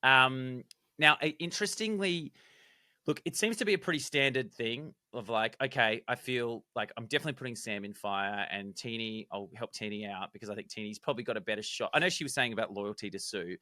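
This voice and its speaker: Bright, dry-voiced man analysing. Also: medium pitch, a little fast, dry recording. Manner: animated, explains strategy in detail. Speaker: podcast co-host, former contestant. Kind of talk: casual analytical chat.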